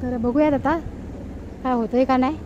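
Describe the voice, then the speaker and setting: A woman from the Bhiwandi area near Thane, India, with an Agri Marathi accent, vlogs casually under a coconut tree in a village yard while minding a toddler, coaxing the child in a sing-song voice. Her voice sits high, with fairly even intonation at normal speed. The recording is muffled with a noisy background.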